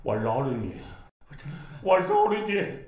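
An actor playing a stern, furious old father who shouts threats at his son in a period TV drama. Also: mid-range voice, huge pitch swings, a little slow, echoey room. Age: older. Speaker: family patriarch.

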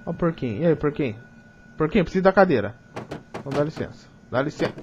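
A man's voice: on the high side, animated, fast, a little mellow, highs cut off, a little hiss or hum. A young man with a Brazilian Portuguese accent doing let's play commentary of a horror game, jumpy and swearing, talking to himself. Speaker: gaming youtuber.

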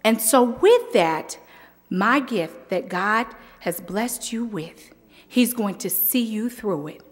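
A woman giving a sermon as the youth Sunday speaker, talking in a slow, deliberate preaching manner. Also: medium pitch, lively intonation, big-room sound. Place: church.

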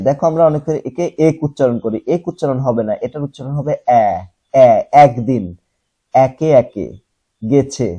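Leading a classroom lesson, this young man teaches step by step in a very dark, mellow voice with a husky edge, pitched on the high side. He poses questions to students and answers them himself, and repeats individual sounds slowly to demonstrate how they're said.

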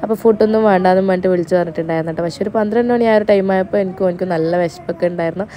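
A woman's voice: on the low side, rapid-fire, warm tone, a little hiss or hum. A young woman casually narrating her day as a mother of two small boys, chatty and full of hesitation sounds. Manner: chatty, tags sentences with "you know", frequent hesitation sounds.

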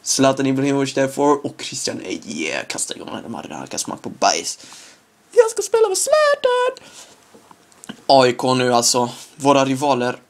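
Excitable male gamer with high yelps. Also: hardly any pauses. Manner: excitable, bursts into high-pitched yelps and shouts at big moments; chatty, laughs at his own jokes. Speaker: gaming video creator. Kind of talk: casual gameplay commentary.

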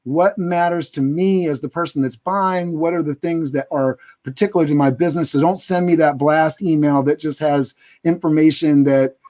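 A man in his thirties hosts a live interview show on a video call. His voice is a bit higher than most men's, and he talks as the presenter. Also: fairly even intonation, moderate pace, few pauses, a little mellow. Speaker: host of a business show.

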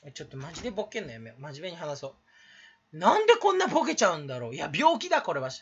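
A man's voice: fairly high pitch, huge pitch swings, very fast, muffled recording, crowd noise. A teenage man talking to camera in a rambling, self-mocking comedy vlog, joking and scolding himself, recorded on a camera mic in a small room. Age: teens. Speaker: small YouTuber.

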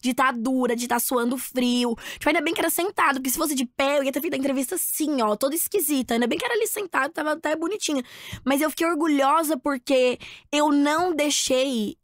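A Brazilian woman chatting as a podcast guest, telling an animated story and acting out what people said. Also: high-pitched, fast, no echo, studio quality. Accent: Brazilian Portuguese. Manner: animated storyteller, acts out quotes. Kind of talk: casual chat.

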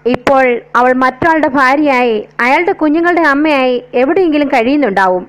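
Woman, storyteller, high-pitched, measured, wistful narration. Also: low-quality recording.

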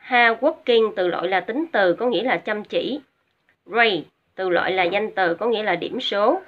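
A woman teacher with a Vietnamese accent explains English words step by step in a recorded vocabulary lesson for students, patiently repeating each word twice for pronunciation drill and using small hesitant fillers. Her voice sits at an ordinary middle pitch at normal speed, and the audio is dull and lo-fi.

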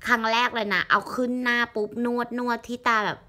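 Chatty woman in her 40s doing a beauty review, bright sharp voice, pokes fun at herself, talks to viewers like friends. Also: fairly high pitch, level tone, a little fast. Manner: chatty and self-mocking, addressing viewers as friends. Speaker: beauty vlogger. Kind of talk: casual product review chat.

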